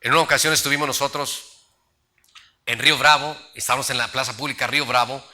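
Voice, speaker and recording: A man's voice: mid-range voice, fairly even intonation, fast talker, pushed and bright. A middle-aged man, preaching a sermon as pastor and acting out voices in his stories. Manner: storytelling preacher, acts out voices in his anecdotes.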